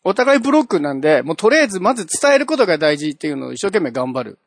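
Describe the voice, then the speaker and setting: A man telling a relaxed anecdote in casual talk. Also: a little high, very fast, creaky, dry recording, clean studio sound. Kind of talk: casual chat.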